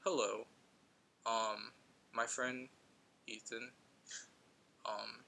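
A young man reading out a text message in a flat, robotic monotone. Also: mid-range voice, drawn-out words, creaky. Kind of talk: casual chat.

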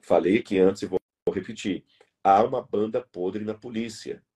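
A man's voice: fairly low pitch, fairly even intonation, normal speed, dark tone, slightly rough. A man from Brazil with a Brazilian Portuguese accent, a guest arguing earnestly in an interview, emphatic and repeating key words. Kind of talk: earnest conversational argument.

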